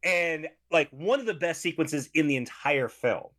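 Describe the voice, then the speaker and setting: A man co-hosting a casual film review chat, enthusiastic and quick to restart his sentences. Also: fairly high pitch. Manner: enthusiastic, animated, restarts often. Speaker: podcast co-host discussing a film.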